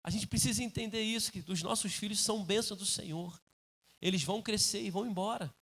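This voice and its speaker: A middle-aged man preaching as a pastor in a church, earnest and turning forceful as he exhorts, often calling the listeners "dear". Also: high voice, quick pace. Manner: calls listeners "querido". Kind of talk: sermon. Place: church sanctuary.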